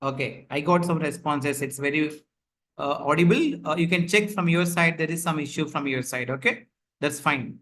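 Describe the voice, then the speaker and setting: This man's voice is on the high side and fairly bright, and he keeps a moderate pace while teaching a live online class on a video call, heard through a computer mic. As the instructor, he explains repetitively, with frequent fillers such as "like, you know."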